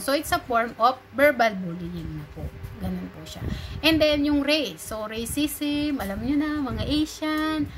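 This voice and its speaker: A woman from Cavite, Philippines, giving a chatty, animated informal talk and mixing in English phrases. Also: high-pitched. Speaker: speaker giving a talk on bullying. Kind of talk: casual informal lecture. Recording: noisy background.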